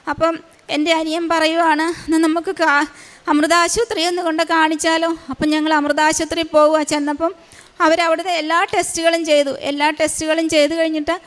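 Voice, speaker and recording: High-voiced woman, slow testimony. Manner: slow, halting retelling with frequent fillers. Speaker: testimony giver at a shrine. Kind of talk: spoken personal testimony.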